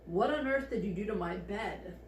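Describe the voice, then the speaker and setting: A woman's voice: medium pitch, expressive, normal speed, lightly acted. A tipsy, slightly drunk woman voicing a cocky, affectionate male demon from a story, casual and teasing. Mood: fond, casual. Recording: echoey room with faint background noise.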